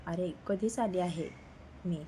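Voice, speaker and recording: A woman's voice: on the low side, slow pace, mellow, slight background noise. A woman voicing a chatty, eager young woman who talks in a breezy way, in a spoken romance story.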